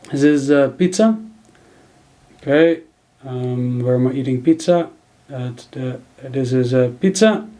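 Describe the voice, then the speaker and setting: Brief: slow-talking male tutor, mellow tone, halting narration over screen recording. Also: medium pitch. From Netherlands. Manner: thinking aloud, halting, many fillers. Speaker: video editing tutor.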